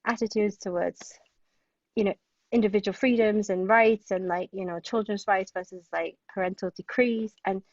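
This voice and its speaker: A guest playwright from Hong Kong talks about plays with enthusiasm in a casual literary discussion, straying off topic and leaning on "like" and "you know." She has a mid-range, steady voice at normal speed. The recording is dry but also distant, dull, and lo-fi.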